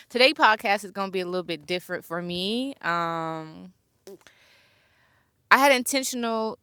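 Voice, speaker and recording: Slow, bright-voiced young woman podcaster. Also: lowish voice, clean tone, no echo. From born near Chicago, raised near Atlanta. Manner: slow, reflective, searching for words. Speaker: podcast host. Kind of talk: personal heartfelt monologue.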